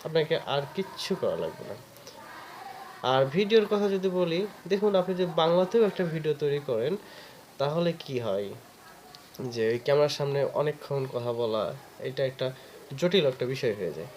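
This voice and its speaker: A man talking earnestly to the camera, encouraging learners with patient advice and drawn-out fillers. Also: fairly high pitch, lively intonation, darkish tone, a little hiss or hum. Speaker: vlogger giving advice. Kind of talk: casual talk to camera.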